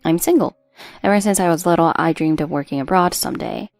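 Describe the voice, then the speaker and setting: Low gravelly woman narrating a story. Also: fast talker, darkish tone, no echo, soft background music. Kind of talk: scripted first-person narration.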